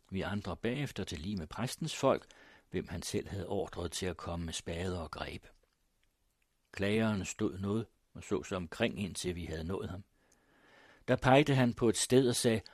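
A man narrating a first-person story in a measured, grave manner. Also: lowish voice, darkish tone, no echo, clean studio sound. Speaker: audiobook narrator.

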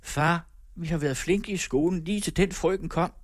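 A man's voice: fairly high pitch, voice pushed up, natural voice. A man voicing a stubborn young girl who argues her case earnestly and insistently in a story reading. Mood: pleading. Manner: pleading yet insistent.

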